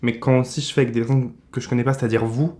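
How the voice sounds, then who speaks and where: A man's voice: mid-range voice, steady tone, rapid-fire, darkish tone. A man in his twenties with a French accent, chatting casually in a beauty vlog and giving blunt product verdicts. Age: 20s. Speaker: beauty vlogger.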